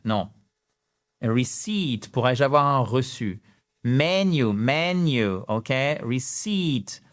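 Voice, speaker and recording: A man with a French accent teaching English phrases in an animated online lesson, gesturing and stretching out example sentences with rising intonation. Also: mid-range voice.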